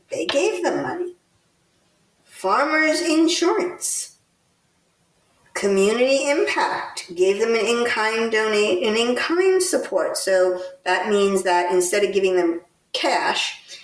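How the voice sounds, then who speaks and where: A woman from Texas co-hosting a local politics podcast, talking in a deliberate, pointed way with some sarcastic criticism. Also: medium pitch, recorded from a distance. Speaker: podcast co-host. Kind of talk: casual political commentary. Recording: roomy sound, set back from the mic.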